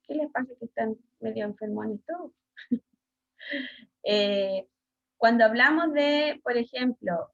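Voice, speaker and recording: Chilean woman teacher, high voice, halting with fillers, dull video-call sound. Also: vocal fry. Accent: Chilean Spanish. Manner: hesitant, many fillers, asks pupils questions. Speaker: schoolteacher. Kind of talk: online class lesson.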